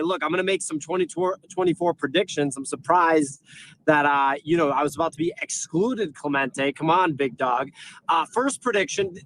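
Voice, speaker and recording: A man's voice: fairly high pitch, a bit bright, slight background noise, low-quality recording. A man co-hosting a live stream from a remote call, brashly listing bold numbered predictions while his audio keeps cutting out. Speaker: co-host making predictions. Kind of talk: casual live-stream panel talk.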